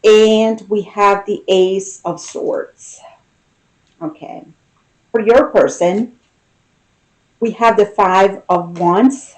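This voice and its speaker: A woman giving an unscripted, intimate tarot reading, pausing and thinking aloud as she talks to the listener. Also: medium pitch, fairly even intonation, poor audio. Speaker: tarot reader.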